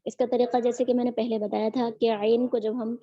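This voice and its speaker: A woman teaching Quran recitation in an online lesson, drilling each sound slowly and patiently. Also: on the high side, little pitch movement, mellow, dry recording, highs cut off.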